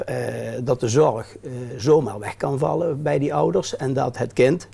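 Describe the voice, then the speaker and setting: A man speaking as a talk-show guest, with a gravelly, creaky edge and a dark, mellow tone. He explains things earnestly but hesitantly, stopping often to fill gaps with "uh". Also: medium pitch. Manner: hesitant, many filler sounds, earnest. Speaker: guest, care company founder. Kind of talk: local TV talk show interview.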